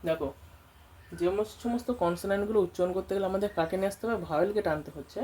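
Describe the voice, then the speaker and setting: Racing through a grammar lesson, a woman English tutor who runs a coaching centre keeps asking her students questions and answering them herself. Her voice is medium-pitched with a dark tone, recorded on a distant mic with faint background noise.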